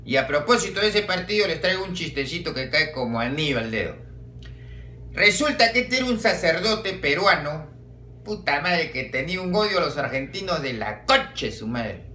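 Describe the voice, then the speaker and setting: Peruvian male comic, bright high voice, crude and animated, echoey room. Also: normal speed, slight background noise. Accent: Peruvian Spanish. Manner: swearing, animated storytelling with big pitch jumps. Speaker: comedian telling a joke. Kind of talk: stand-up joke telling.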